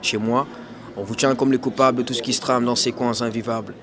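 A man, a student and slam poet, reciting a poem in a steady, solemn way. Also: medium pitch, quick pace, background noise. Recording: outdoor crowd chatter behind.

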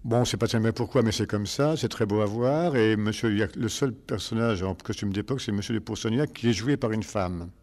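An older man, a stage actor, answering interview questions in a rambling, halting way with many restarts. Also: on the low side, a little mellow.

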